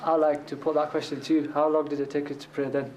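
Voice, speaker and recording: Man, 20s, Hull accent, earnest, flat intonation, faint background noise. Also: a little high, fast talker. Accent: Hull English. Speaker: interviewee. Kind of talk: earnest interview answers.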